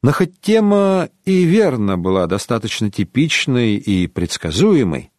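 Man, audiobook narrator, expressive, slow, lively pitch, dry sound. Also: dry recording.

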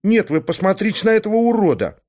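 Male reader doing a touchy, sarcastic sidekick, higher and sharper than his own voice. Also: animated, unhurried. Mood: indignant. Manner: indignant, sarcastic. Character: indignant, cocky male rescuer.

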